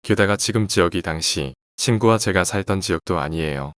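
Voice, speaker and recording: Brief: deep-voiced man, steady horror storyteller, close and dry sound. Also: fairly quick, no room sound. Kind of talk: scripted narration of a first-person horror story.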